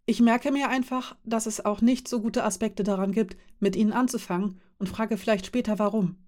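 A woman's voice: mid-range voice, steady tone, normal speed, darkish tone, pitched above the performer's own voice, lightly acted. Woman reading as a curious, polite young woman. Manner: eager, apologetic questions.

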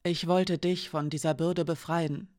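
A woman reading an audiobook, voicing a guarded young woman thief who speaks low and insistently. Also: steady tone, measured pace, a little mellow, no echo, clean studio sound. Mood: earnest.

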